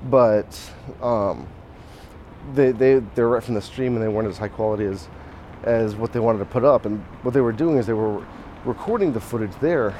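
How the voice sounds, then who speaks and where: Walking outdoors on a city street, a man hosts his podcast in a casual, meandering monologue, breaking off to restart and letting out small chuckles. His voice is fairly low, dark and hoarse, mostly shot, at a normal speed. Faint street and traffic noise can be heard.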